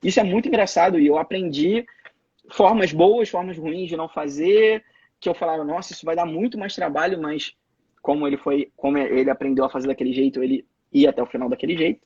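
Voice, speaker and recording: A Brazilian man in his twenties, guesting in a casual live video-call interview, tells stories with many restarts and repeated words. He talks fast in a slightly high, darkish, husky voice. The phone or laptop mic on the stream gives no room sound and cuts off the highs.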